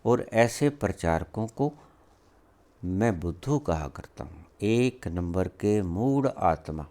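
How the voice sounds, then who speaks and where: A man giving a spiritual discourse, asking rhetorical questions and scolding in an emphatic, deliberate way. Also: deep voice, lively intonation, mellow. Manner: slow with long pauses. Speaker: spiritual teacher.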